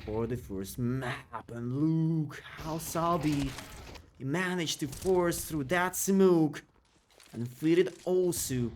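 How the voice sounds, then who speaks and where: There's a little hiss or hum behind this fairly high-pitched male voice as he casts an esports game solo on stream. He speaks non-native English with slightly broken phrasing, calling plays excitedly and replying to chat between them.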